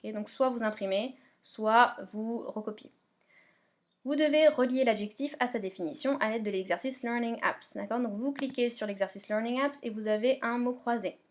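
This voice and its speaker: High-voiced teacher giving patient instructions. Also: female voice, moderate pace. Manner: patient, step-by-step, checks understanding. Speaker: English teacher. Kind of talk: remote lesson instructions.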